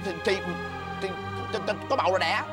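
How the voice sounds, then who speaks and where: Brief: high-pitched, rapid Southern Vietnamese man, blustering husband, music bed behind. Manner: blustering, stammering. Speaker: husband in a skit. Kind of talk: comedy skit acting.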